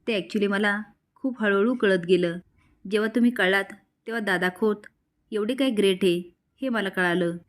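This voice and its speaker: An earnest young woman, soft and remorseful as she owns up to her mistake, read by a woman. It comes as a storybook-style serial recap. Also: medium pitch, moderate pace, close to an everyday voice. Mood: apologetic. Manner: earnest, apologetic.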